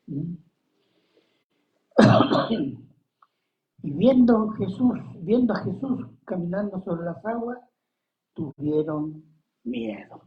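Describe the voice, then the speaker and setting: A Chilean preacher walks the congregation through scripture at an unhurried pace, stopping to pose questions to the listeners. The delivery is conversational rather than grand, broken up by frequent coughs. The recording sounds dull and lo-fi, and the voice sits at a middling pitch. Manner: conversational, asks the audience questions, coughs often. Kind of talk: Bible study sermon.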